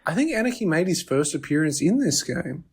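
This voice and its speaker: A man's voice: on the high side, sing-song, a little fast, vocal fry, husky. Man co-host tossing in questions. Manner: short agreeing interjections, questioning asides. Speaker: podcast co-host. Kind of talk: casual gaming podcast chat.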